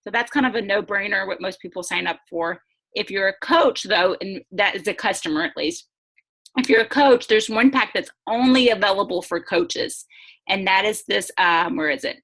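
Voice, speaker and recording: An upbeat woman talks through a casual online presentation, chatty and quick to laugh. Her pitch sits in the middle range, and she is heard through a video-call mic. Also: a bit bright. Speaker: host.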